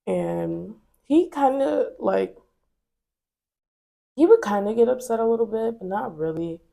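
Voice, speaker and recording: Her voice is fairly high, animated and gravelly yet mellow, and she keeps a measured pace. This woman in her twenties, a vlogger stuffy from a cold, tells viewers a personal story casually and candidly, using plenty of fillers.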